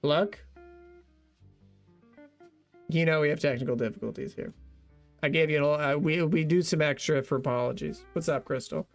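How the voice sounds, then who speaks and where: A man's voice: fairly high pitch, normal speed, vocal fry, long pauses, soft background music. A young man streaming casually, reading out his old joke notes, laughing at himself and thanking viewers. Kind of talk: casual livestream chat.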